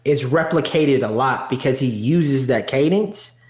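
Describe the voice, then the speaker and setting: A man's voice: medium pitch, unhurried, darkish tone. A young man co-hosting a casual podcast chat, arguing insistently and often repeating himself as he restarts his sentences. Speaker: podcast co-host.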